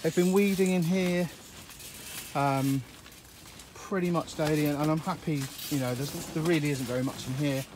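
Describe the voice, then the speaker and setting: The recording is low quality, with a little hiss or hum, as a man with a fairly high pitch talks at a moderate pace. He's an allotment gardener casually rambling through a tour of his plot and polytunnel, uhs and all, filming outdoors on a phone in hand as he walks.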